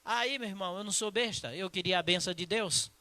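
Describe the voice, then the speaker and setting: A male pastor from preaching a sermon in a church, telling a personal story with emphasis and later slowing into hushed prayer. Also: high voice, dry recording.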